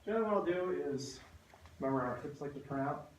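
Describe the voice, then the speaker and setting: Speaking fast and expressively in a slightly high voice, a male fitness instructor walks his spinal stability class through the exercises, showing them while a little short of breath. The recording has room echo, a distant mic, and faint noise.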